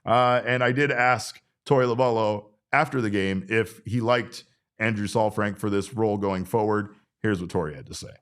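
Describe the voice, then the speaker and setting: A man's voice: fairly low pitch, moderate pace, fairly bright tone. A man in his forties hosting a casual sports talk show, rambling and breaking off his own sentences. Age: 40s. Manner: rambling, self-interrupting. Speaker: podcast host.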